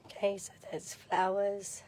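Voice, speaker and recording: A woman with a hoarse, half-lost voice that breaks into whispers, chatting informally and hesitantly as she hosts a casual live craft tutorial. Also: mid-range voice, completely flat delivery, unhurried, a little mellow, slight background noise. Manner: informal, hesitant, thinking aloud. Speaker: craft demonstrator hosting a livestream.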